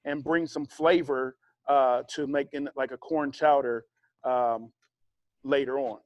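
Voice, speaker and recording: Guy teaching a cooking class, slightly high voice, chatty and easygoing. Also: no echo, dull audio. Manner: chatty, relaxed, with fillers and asides. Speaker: cooking instructor. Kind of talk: casual cooking demonstration.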